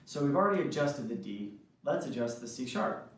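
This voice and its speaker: A man's voice: medium pitch, sing-song, a little fast. A man teaching a saxophone lesson, explaining step by step and often checking in with "right?". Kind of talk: instructional lesson. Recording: echoey room, mic at a distance.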